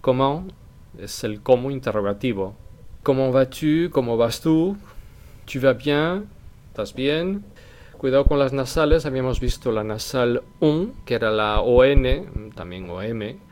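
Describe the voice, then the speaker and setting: A man teaching a language lesson, explaining slowly and repeating example phrases, often ending a point with a quick "eh?". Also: medium pitch, animated, darkish tone. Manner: tag question "eh" after points. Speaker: French teacher.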